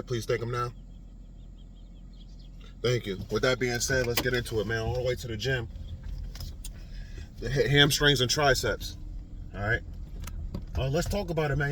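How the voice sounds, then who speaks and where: A man's voice: mid-range voice, a bit bright, slight background noise. A man in his thirties talking casually straight to his viewers in a vlog, repeating himself and calling them "man". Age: 30s. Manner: informal, repetitive, addresses viewers as "man". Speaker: vlogger.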